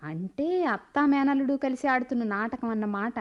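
An actress playing a curious elder sister-in-law who questions and teases dryly in a radio play. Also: female voice, sits high, normal speed, highs cut off, close to an everyday voice. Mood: probing.

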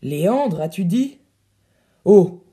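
A man's voice: high voice, sing-song, takes it slowly, warm tone, full character voice. A man voicing a boastful, swaggering braggart captain with pompous, grandiloquent bluster in an audiobook reading. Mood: furious ranting.

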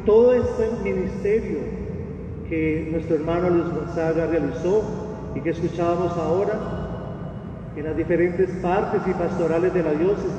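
A middle-aged man, a priest, giving a funeral homily in solemn, halting phrases. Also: fairly high pitch. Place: inside a church. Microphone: gooseneck lectern microphone. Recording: echoey church, distant mic, dull, noisy.

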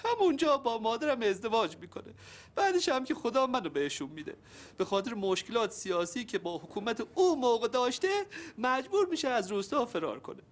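A man's voice: extremely high pitch, very animated. An actor playing an emotional village man searching for his long-lost father in a TV sitcom, talking in a melodramatic, tearful way. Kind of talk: TV sitcom acting.

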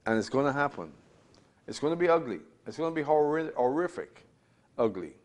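A man in his fifties with a mid-range voice teaches a Bible class fairly quickly and very animatedly. He is emphatic, repeats himself, and asks rhetorical questions, recorded from a distance in a small room.

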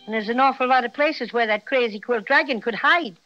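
A cheery boastful stuffed bear. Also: female voice, on the high side, a little fast, pushed and bright, faint music behind. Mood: eager. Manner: cheery, bragging, folksy. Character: small brave boastful male stuffed cinnamon bear. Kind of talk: 1930s radio drama acting. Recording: lo-fi 1930s radio transcription.

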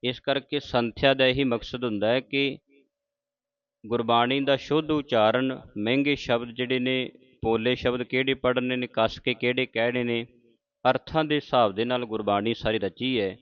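A man with a Punjabi accent teaching pronunciation of scripture, chanting lines slowly and correcting each word, addressing listeners as the congregation. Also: mid-range voice, fairly even intonation, clear, resonant tone, no echo, muffled recording. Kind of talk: religious pronunciation lesson.

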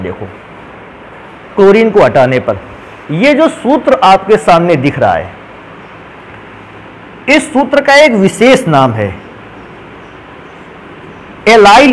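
A man's voice: high-pitched, slight background noise, rough recording. A man teaching a chemistry lesson step by step, calling his students "beta" as he works through examples. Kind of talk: whiteboard lesson.

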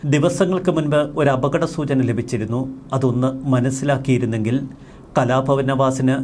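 Guy doing a solemn news voiceover, steady mid voice, bit of hiss behind. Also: medium pitch, normal speed. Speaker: news narrator. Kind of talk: scripted news voice-over.

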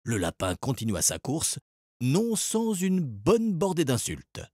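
A man narrating a children's story in an expressive, animated storytelling voice. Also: mid-range voice, slow pace, no echo, studio quality. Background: music.

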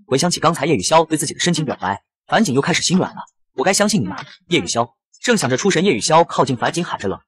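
A man narrating a comic story in fast scripted recap style. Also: fairly high pitch, sing-song. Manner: rapid, brisk storytelling delivery.

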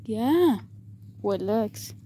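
A fairly high-voiced woman talks casually on a handheld outdoor recording. She is cautious, giving brief warnings and orders, with some noise around her. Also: animated, very slow, dark tone. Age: adult, mother of the children. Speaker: mother leading an exploration. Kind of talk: casual handheld exploring vlog. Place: abandoned concrete ruins outdoors at night. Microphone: handheld phone camera.

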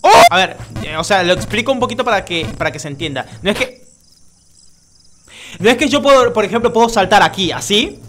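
Brief: very high-pitched, lively male let's-play host, easily frustrated, swears and yells, echoey room. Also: fairly quick, slight background noise. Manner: excitable, frustrated, swearing, yelling at the game. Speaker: YouTuber playing a video game. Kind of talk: let's-play gaming commentary. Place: room with echo.

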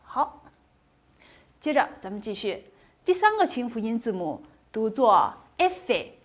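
A woman teaching pronunciation in a slow, unhurried lesson, with a voice sitting a little high. She is patient and encouraging, saying each sound twice and answering her own questions to the class. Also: sing-song. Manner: asks the class questions and answers them herself. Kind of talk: recorded language lesson.

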